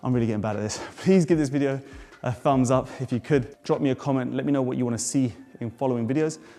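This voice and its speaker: A man's voice: medium pitch, fast, warm tone. A man coaching a jump rope move step by step, a bit out of breath, with encouraging cues. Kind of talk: tutorial instruction. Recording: hall reverb, faint music.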